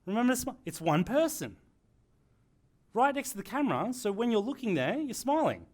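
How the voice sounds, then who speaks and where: A man presenting a live workshop lesson to a room, talking in an energetic, joking way. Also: very high-pitched, fairly quick.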